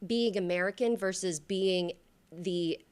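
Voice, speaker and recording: Woman host, enthusiastic, smooth clear voice, slightly low. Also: a little slow, darkish tone. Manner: enthusiastic, frequent affirming murmurs. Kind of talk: interview host.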